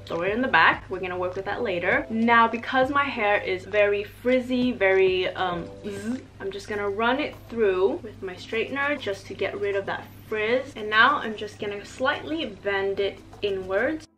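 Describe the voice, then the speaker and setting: A woman's voice: mid-range voice, normal speed, few pauses, fairly bright tone. Chatty young woman styling her hair. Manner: casual, chatty, demonstrating while styling hair. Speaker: beauty vlogger. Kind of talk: hair tutorial. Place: living room with sofa and plant, indoors. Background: background music.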